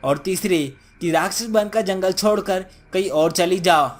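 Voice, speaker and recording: A man's voice: high voice, a little slow. A man voicing a poor, weary village husband who speaks firmly. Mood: demanding.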